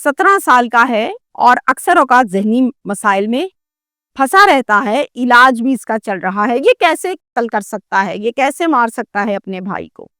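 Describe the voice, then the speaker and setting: A woman's voice: fairly high pitch, very animated, sharp tone, dry recording, clean studio sound. A woman presenting a crime news story in a dramatic storytelling way, acting out the quoted lines.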